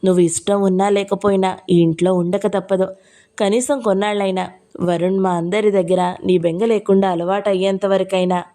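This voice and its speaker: A stern young husband, read by a woman narrating an audio novel, protective and commanding. He lays down the law in firm, forceful sentences. The voice stays mellow and close to the reader's own. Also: mid-range voice, little pitch movement, normal speed, natural voice.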